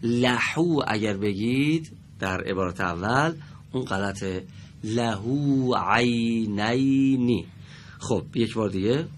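A man's voice: fairly low pitch, animated, slight background noise. Patient male recitation teacher. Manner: patient, corrects and praises students; drawn-out slow recitation when modeling verses. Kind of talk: classroom lesson with students reading aloud.

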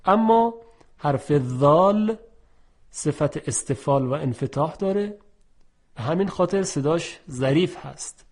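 A man teaching pronunciation for Quran recitation, explaining each letter calmly and then drawing out example words slowly, each one said twice. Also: on the high side.

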